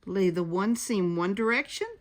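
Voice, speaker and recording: A woman's voice: medium pitch, normal speed. A woman giving a hands-on sewing tutorial, explaining each step as she goes, with sewing machine noise behind her. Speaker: sewing instructor. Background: sewing machine noise and clicks.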